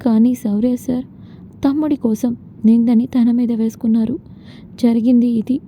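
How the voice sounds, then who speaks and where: A woman's voice: a little high, fairly even intonation, normal speed, natural voice. A woman reading as a remorseful young bride. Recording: dull lo-fi with faint noise.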